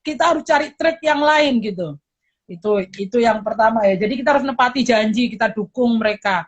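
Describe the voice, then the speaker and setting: A middle-aged woman, a pastor and teacher, chatting casually and lively, acting out parents and children in quick voices and laughing often. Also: fairly high pitch, muffled recording. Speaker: guest speaker, pastor and teacher. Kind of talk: casual chat.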